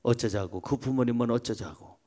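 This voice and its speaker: A pastor preaching a sermon emphatically, moving between soft asides and loud exclamations. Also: male voice, mid-range voice, moderate pace.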